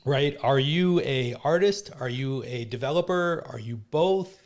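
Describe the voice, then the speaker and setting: A man's voice: mid-range voice, measured pace. A male moderator welcoming guests to an online panel in an enthusiastic, friendly way.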